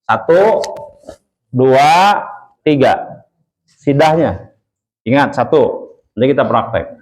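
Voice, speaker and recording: A man's voice: medium pitch, animated, slow pace. A man with a Sundanese accent, teaching Quran recitation to a group of men, patiently drawing out each word to show the pronunciation. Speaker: Islamic religious teacher. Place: study gathering with a group of men.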